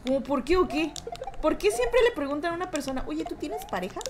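A woman's voice: sits high, very animated, brisk, noisy background. A young woman with a Mexican accent, streaming a game and chatting with her viewers, rowdy, swearing and laughing often. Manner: rowdy, swears and laughs a lot, reads chat aloud. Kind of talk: live gameplay stream chatting with chat.

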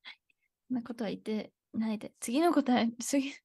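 A woman's voice: a little high, moderate pace, dark tone, husky, no echo, studio quality. A young woman teaching Japanese in a casual live online lesson, chatty and thinking aloud, with frequent laughs.

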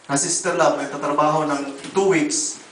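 A man preaching a sermon as pastor, telling testimonies in an animated way and calling listeners brother and sister. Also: a little high, moderate pace, a little hiss or hum. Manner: animated, voices quoted people, addresses congregation as brother and sister. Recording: echoey room, voice from a distance.

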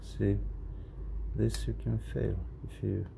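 A man casually showing off his knives, mumbling in a quiet, halting way. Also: fairly low pitch, flat delivery, vocal fry, background noise. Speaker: knife collector vlogger. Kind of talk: casual show-and-tell.

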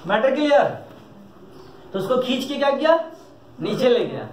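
A man's voice: very high voice, sing-song, normal speed, noisy background. A man teaching a classroom lesson in a joking way, often stopping to ask if the class has understood. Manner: jokey, asks checking questions. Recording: echoey classroom from a distance.

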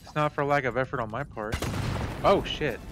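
A man's voice: mid-range voice, moderate pace, heavy background noise. Rambling male streamer thinking aloud. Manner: rambling, thinks aloud and corrects himself mid-sentence; swears casually, talks to viewers. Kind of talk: casual let's play commentary.

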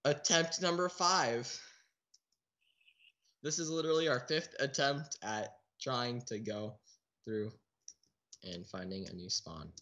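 A man's voice: mid-range voice, slow, long pauses, a bit bright, dull audio. A man giving casual let's play commentary, chatting in a restless way with a teammate who cannot be heard. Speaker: gaming channel host.

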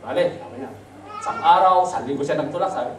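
A pastor giving a storytelling sermon, animated and swinging from loud to hushed. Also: male voice, on the high side, fast, over music. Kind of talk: storytelling sermon, mixing Tagalog and English. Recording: roomy, distant mic, faint noise.

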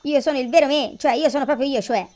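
A woman's voice: high-pitched, fast talker, a little mellow, voice pushed up, close to an everyday voice. A woman reading aloud the lines of a boastful male gorilla villager from a cartoon life game. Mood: mocking.

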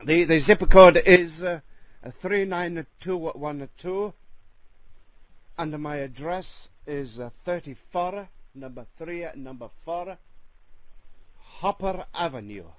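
A man's voice: a little high, no room sound. A man voicing a hesitant Italian ex-convict who speaks broken English with an Italian accent and many fillers. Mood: bumbling. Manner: halting, full of uh fillers, broken grammar. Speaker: prank caller. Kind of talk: prank phone call in character.

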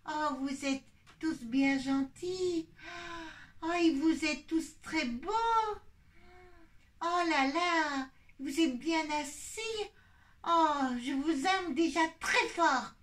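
A woman puppeteer voicing a sweet, polite little boy bear in a children's puppet show, in a soft childlike voice. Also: high voice, drawn-out words, distant mic, exaggerated voice.

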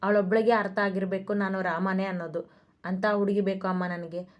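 A woman's voice: mid-range voice, little pitch movement, fairly quick, dull audio, lightly acted. A woman voicing a proud, blunt young man who is a devoted son, speaking firmly. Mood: earnest.

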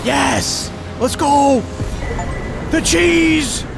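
High-pitched panicking gamer guy, game music behind. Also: extremely slow, creaky. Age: young adult. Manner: panicking, excitable gamer, bursting into shouts; sweary. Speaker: video game streamer. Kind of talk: live gameplay reaction commentary. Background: game music and sound effects.

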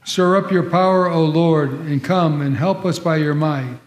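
Solemn pastor in cathedral echo. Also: male voice, on the high side. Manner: measured, solemn recitation. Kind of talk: leading a liturgy. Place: large church sanctuary. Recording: echoey church sanctuary.

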